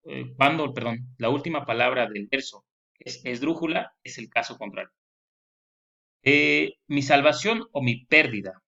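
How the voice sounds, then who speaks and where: A man's voice: medium pitch, pushed and bright. A male teacher giving a recorded lecture, explaining step by step with frequent fillers and restarts. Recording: dull lo-fi recording.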